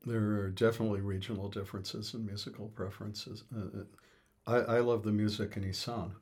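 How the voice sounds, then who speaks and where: Man, low husky voice, rambling interviewee who thinks aloud with fillers and restarts. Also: flat delivery, brisk, darkish tone. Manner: hesitant, many fillers and restarts. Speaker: interviewee on music. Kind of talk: thoughtful conversational explanation.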